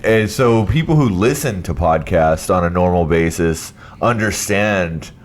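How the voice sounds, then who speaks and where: A man with a deep voice talks as a podcast host. He explains things in loose, conversational language, like someone chatting in a living room. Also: unhurried. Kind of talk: casual chat, explaining.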